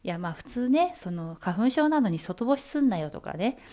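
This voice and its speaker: A woman announcer hosts her own solo talk show. She chats in a relaxed, playful way, with many small fillers and asides. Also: a little high, moderate pace. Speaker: announcer and podcast host.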